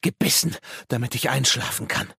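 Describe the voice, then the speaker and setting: A man voicing a crazed, raving male junkie whose croaking voice cracks upward. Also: lowish voice, animated, slow pace, sharp tone, dry recording, clean studio sound, exaggerated voice. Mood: manic.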